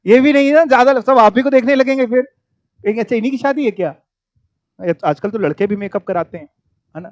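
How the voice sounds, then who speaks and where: A male teacher giving a classroom lecture, explaining terms and quizzing his students with questions. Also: sits high. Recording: dull lo-fi lecture recording.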